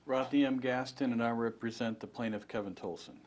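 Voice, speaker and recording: In a formal deposition, a plaintiff's attorney politely and methodically questions a witness, keeping things procedural. His voice is mid-range and a little mellow, and he speaks slightly quickly. Faint room noise sits under the recording.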